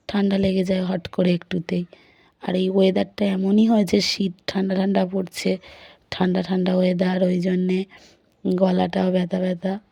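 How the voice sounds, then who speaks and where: A woman's voice: lowish voice, gravelly, dark tone, dry recording. A young woman with a sore throat, chatting through her day in a casual vlog and recounting her chores and family talk. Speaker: vlogger. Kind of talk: casual daily vlog narration.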